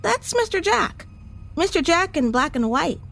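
A man's voice: very high-pitched, big pitch swings, unhurried, vocal fry, sharp tone, soft background music, pitched above the performer's own voice, full character voice. A man voicing a polite, timid little boy. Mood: curious.

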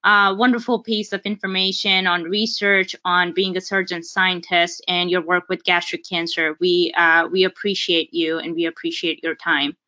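Woman, podcast host, bright sharp voice, upbeat, thankful, dull lo-fi audio. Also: fairly low pitch, little pitch movement, moderate pace, hardly any pauses. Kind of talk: podcast sign-off.

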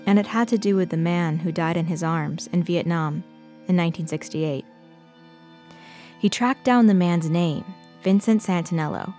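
Measured woman narrating a podcast story. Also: on the low side, dark tone. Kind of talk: scripted narration. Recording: narration over clear music.

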